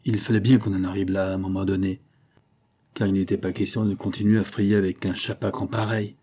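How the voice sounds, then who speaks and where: Brief: male audiobook reader, first-person crime story, dark husky tone. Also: deep voice, little pitch movement, a little fast. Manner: colloquial, wry slangy delivery. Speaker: audiobook narrator.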